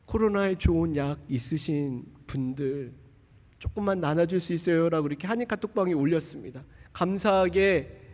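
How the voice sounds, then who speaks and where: A high-pitched young man preaches a personal testimony in a church. He tells it as a story and acts out the people he quotes. His voice rings through a sanctuary with a long hall reverb. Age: young adult. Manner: storytelling, acting out quoted dialogue. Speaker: missionary preacher. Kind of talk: sermon testimony.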